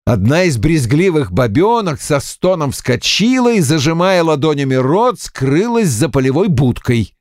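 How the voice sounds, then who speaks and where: A man narrating a classic novel as an audiobook with an expressive storytelling cadence. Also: on the high side, measured pace, hardly any pauses, no room sound, clean studio sound. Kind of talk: scripted literary narration.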